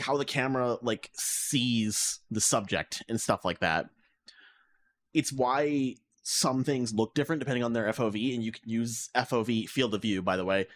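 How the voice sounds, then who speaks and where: A man in casual podcast chat, venting in a rambling, exasperated way and piling on fillers as he explains. His voice sits in a middling register and comes through his own mic on an online call. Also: medium pitch. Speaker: podcast co-host.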